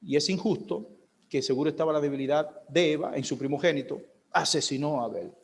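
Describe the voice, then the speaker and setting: A man's voice: a little high, brisk. A male pastor preaching a sermon, asking questions of the congregation and acting out the voices of a baby and its mother. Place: church hall. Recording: long hall reverb.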